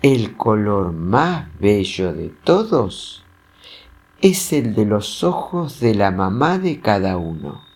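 A man voicing a calm, wise old grandfather, an old painter, in a storybook reading. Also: fairly low pitch, takes it slowly, exaggerated voice. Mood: solemn. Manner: calm, announcing. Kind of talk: storybook voice acting.

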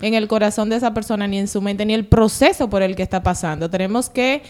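A woman, speaking calmly and reflectively on a casual chat show, often drawing on scripture. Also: mid-range voice, fast talker. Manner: calm, reflective, preachy. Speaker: podcast co-host.

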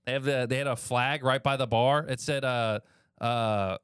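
A man's voice: mid-range voice, fairly even intonation, normal speed, a bit bright, clear, resonant tone, dry recording, studio quality. A man co-hosting a comedy podcast, chatting casually with loose, profane storytelling. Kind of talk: casual chat.

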